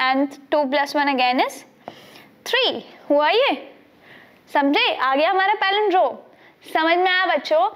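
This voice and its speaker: Woman math teacher, high voice, unhurried, patient, keeps checking that students follow. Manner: patient, checks understanding often. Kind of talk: classroom lesson mixing Hindi and English.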